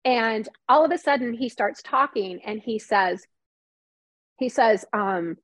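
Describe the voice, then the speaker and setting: A woman's voice: fairly high pitch, slow, no room sound. A middle-aged woman, a former TV news reporter and now a novelist, talking candidly in an interview and peppering her story with "like" and "you know". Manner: chatty, heavy use of "like" and "you know", acts out quotes; earnest and candid. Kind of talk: emotional personal storytelling in conversation.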